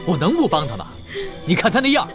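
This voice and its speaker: An actor playing a flustered young prince who rambles while trying to calm a crying maid. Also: male voice, high voice, fast talker, over loud music.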